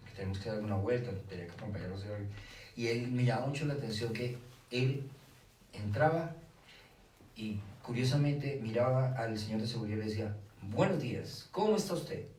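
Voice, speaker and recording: A Colombian man with a lowish voice speaks a little fast, lecturing a live audience about children's faith. He's animated, poses rhetorical questions, and acts out dialogue; the recording is distant in an echoey room with faint hiss.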